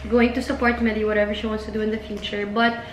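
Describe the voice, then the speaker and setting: A young woman, a relaxed guest chatting and agreeing on a home vlog. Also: mid-range voice, fast talker. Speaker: guest, host's sister. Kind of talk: casual chat. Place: indoors at home. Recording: echoey room with faint noise.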